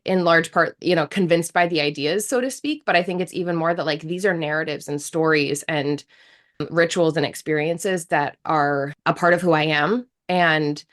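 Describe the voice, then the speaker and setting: A deep-voiced woman at a moderate pace: an interview guest in her thirties from the United States, native in English. Her casual interview talk is earnest and reflective, broken up by frequent restarts.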